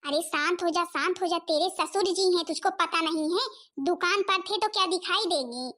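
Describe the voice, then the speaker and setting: A woman's voice: very high voice, normal speed, sharp tone. A woman playing a nagging village mother-in-law. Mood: mocking. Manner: scolding, nagging. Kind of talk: village family skit acting.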